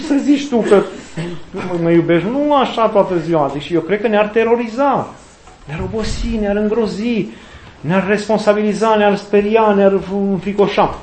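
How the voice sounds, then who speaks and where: A man's voice: high-pitched, darkish tone. A man giving an informal sermon in a conversational way, acting out quoted voices with humor. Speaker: preacher. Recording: echoey room with faint noise.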